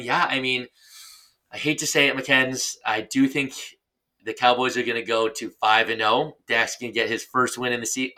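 Bright-voiced playful man talking football. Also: mid-range voice. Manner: playful, teasing, rambling. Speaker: podcast co-host. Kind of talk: casual sports chat.

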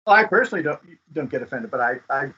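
A man giving advice as a script consultant guest in a casual interview, speaking haltingly and often repeating words. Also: medium pitch, lively intonation, bright, forceful tone, slightly rough. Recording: dull lo-fi audio.

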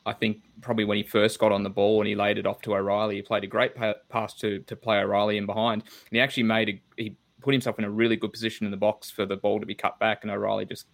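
Low, flat-voiced man talking football. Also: fast talker, vocal fry, few pauses. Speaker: podcast co-host. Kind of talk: casual football chat.

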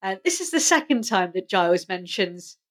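A woman's voice: medium pitch, big pitch swings, moderate pace, a bit bright. A woman co-hosting a podcast, chatting casually as she retells and quotes scenes from an episode. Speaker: podcast co-host. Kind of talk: casual chat recapping a TV episode.

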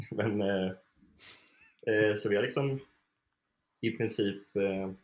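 A man's voice: fairly low pitch, echoey room. A young man from Sweden, a band member being interviewed, talking casually with lots of fillers and easy laughter. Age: young adult. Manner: relaxed, laughs often, many fillers.

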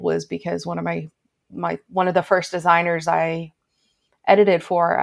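A woman in her thirties talks through her story in a relaxed podcast chat, her voice sitting a little low with plenty of vocal fry. She tells it with energy, slipping into little impressions of the people she quotes. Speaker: podcast guest, crochet tech editor.

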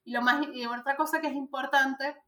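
A woman's voice: sits high, fairly quick. Chatty woman in her thirties, echoey room. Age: 30s. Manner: animated, chatty, many fillers. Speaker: podcast co-host. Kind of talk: casual film review chat.

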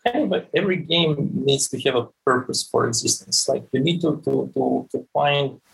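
A man's voice: medium pitch, lively intonation, moderate pace, creaky, a bit bright, slightly rough, poor audio. A man, a podcast guest who talks with many stammered restarts and repeated words. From Serbia. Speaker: guest, game creative director. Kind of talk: podcast interview.

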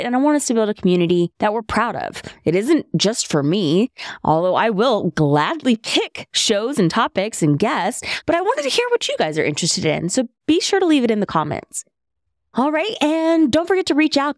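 A woman's voice: medium pitch, no room sound, studio quality. A woman hosting a podcast from her bedroom at home, telling a story and then introducing her guest, laughing easily. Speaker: podcast host.

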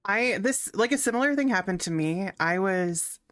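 A woman's voice: medium pitch, animated, normal speed, fairly bright tone. A young woman co-hosting a podcast in a giggly, laid-back, playful way. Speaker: podcast co-host. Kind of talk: casual chat.

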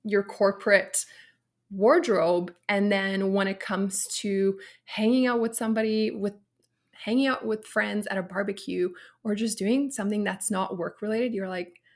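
A woman's voice: mid-range voice, steady tone, measured pace. Reflective woman stylist in her thirties. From Romania. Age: 30s. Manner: open and reflective storytelling. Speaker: personal stylist, podcast guest. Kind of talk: casual interview chat.

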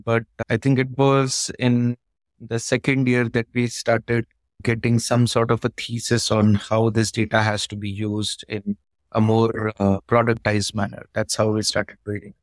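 A man's voice: medium pitch, little pitch movement, unhurried, no room sound. A man with an Indian accent explaining his work step by step in an interview, in articulate conversational speech. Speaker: company founder being interviewed.

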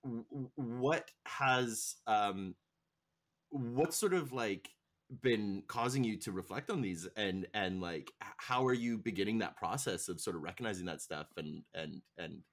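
A man hosting a podcast who asks questions gently and hesitantly and reassures his guest. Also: on the low side, measured pace. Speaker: podcast host. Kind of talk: casual interview conversation.

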